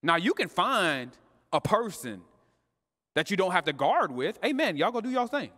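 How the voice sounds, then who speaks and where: Speaking straight to the congregation in relaxed, slangy language, this pastor has a high, sharp, sing-song voice at a moderate pace. It's a live sermon in a sanctuary with a long, echoing reverb.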